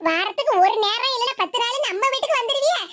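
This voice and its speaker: A woman voicing a sharp-tongued, teasing village woman in a cartoon, with a Tirunelveli Tamil accent. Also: extremely high pitch, animated, quick pace, heavy background noise. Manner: teasing, mocking, laughs often.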